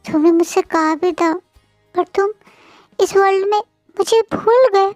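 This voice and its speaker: A woman voicing a drunk, tearful young man who clings and pleads in a slow, whining way. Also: very high voice, level tone, no echo, soft background music, voice pushed up. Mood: tearful pleading.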